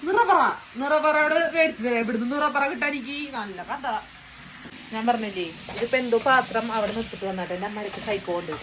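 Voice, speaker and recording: A young woman vlogging casually from a home kitchen on a handheld phone, chatty and excitable as she talks to her viewers. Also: fairly high pitch, quick pace. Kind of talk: casual vlog chat. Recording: clear background noise.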